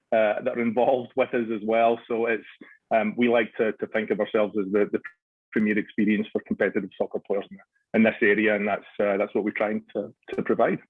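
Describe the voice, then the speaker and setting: A man's voice: on the low side, no echo, narrow, tinny audio. A Scottish man in his forties, a soccer club director, answering radio interview questions with many restarts and fillers. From Scotland.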